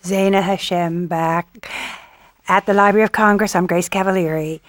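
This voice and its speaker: A woman hosting an interview, speaking slowly and with emphasis. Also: on the low side, fairly even intonation, dry recording, clean studio sound. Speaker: host. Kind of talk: radio-style interview.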